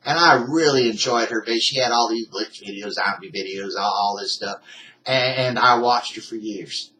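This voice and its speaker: Bright-voiced indignant man. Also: lowish voice, normal speed, rough recording. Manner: heated, indignant, folksy. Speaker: YouTuber. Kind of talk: ranting vlog.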